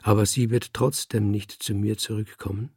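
A man voicing a despondent young male student who talks in a weary, sighing way, with a husky voice. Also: lowish voice, fairly even intonation, normal speed, darkish tone, no room sound, clean studio sound. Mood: glum.

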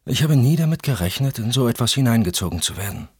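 A man's voice: mid-range voice, animated, quick pace, a little mellow, breathy edge, dry recording, clean studio sound, voice pushed up. A man voicing a disillusioned young wife in an audiobook, speaking in a raised, plaintive tone. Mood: wounded.

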